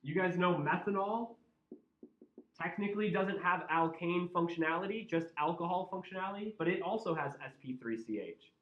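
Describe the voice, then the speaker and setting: Man, midwestern accent, chemistry teacher, joking and conversational, somewhat high voice, dull lo-fi classroom sound. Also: moderate pace, echoey room, distant mic. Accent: Midwestern American. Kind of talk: classroom lecture.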